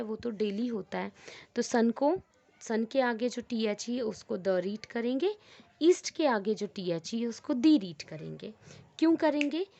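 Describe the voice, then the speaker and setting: A woman teacher with a fairly high voice works slowly through an English grammar lesson, asking questions and then answering them herself. She repeats each rule more than once and switches easily between Hindi and careful, slowed-down English examples. The sound is dry and close, with no room echo. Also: gravelly, dark tone.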